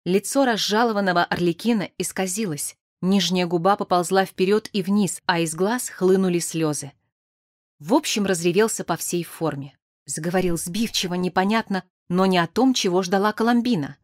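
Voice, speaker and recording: A woman narrating a literary audiobook in a measured, expressive way. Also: on the low side, no room sound, studio quality.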